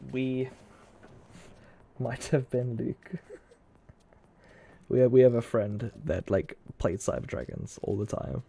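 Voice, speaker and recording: A man's voice: mid-range voice, warm tone. A man chatting casually on a live stream, telling loose, profane stories and acting out what people said. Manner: loose, profane storytelling with acted-out quotes.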